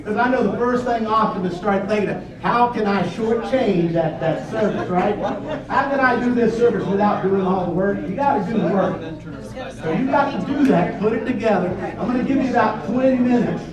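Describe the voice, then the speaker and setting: A workshop presenter whose voice sits high talks fairly quickly, joking in a folksy way as he casually sets out a challenge and asks his questions twice. Crowd noise is audible, and the mic catches him from a distance in a large, echoey indoor room.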